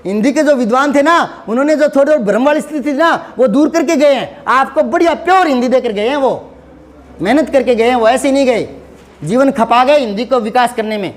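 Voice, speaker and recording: A middle-aged male Hindi teacher with a very high voice gives a brisk, classroom-style grammar lesson. He patiently repeats and drags out sounds to demonstrate pronunciation. He also keeps asking rhetorical questions to check that his students are following.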